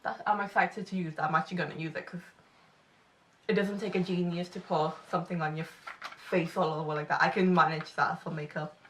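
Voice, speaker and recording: A woman's voice: fairly low pitch, fairly even intonation, fairly quick, a bit bright, recorded from a distance, slight background noise. A woman in her twenties with a slight lisp, reviewing makeup in a chatty, self-deprecating way. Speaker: beauty vlogger. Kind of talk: casual product review.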